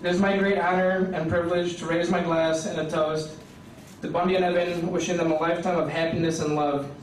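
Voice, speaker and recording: Young guy reading a rhyming toast at a wedding, highish voice, far off in an echoey hall, hissy. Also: flat delivery. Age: young adult. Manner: reads rhymes aloud, pausing for laughs. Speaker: best man. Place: wedding reception hall, indoors. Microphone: stand mic, filmed by a far camera. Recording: roomy hall audio from a distant camera. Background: guests laughing.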